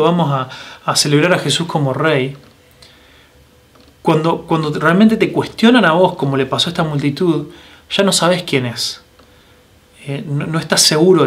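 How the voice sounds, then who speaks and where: Earnest Rioplatense pastor, higher voice. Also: male voice, fairly bright tone. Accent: Rioplatense Spanish. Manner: earnest, asks many direct questions, frequent restarts and fillers. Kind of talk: sermon. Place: church broadcast, recorded for online meeting.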